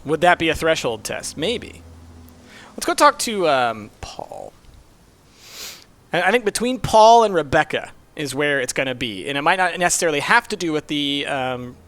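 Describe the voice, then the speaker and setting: Young male streamer, chatty, thinks aloud, bright tone. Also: on the high side, big pitch swings, moderate pace. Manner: thinks aloud, muttering and musing. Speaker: streamer playing a mystery game. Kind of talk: casual let's-play commentary.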